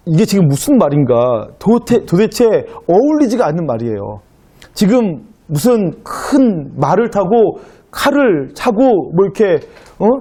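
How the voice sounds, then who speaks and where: A man's voice: high voice, sing-song, unhurried, mellow, breathy edge. A man preaching a sermon as pastor, asking the congregation rhetorical questions and acting out biblical dialogue. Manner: acts out biblical dialogue in quotes.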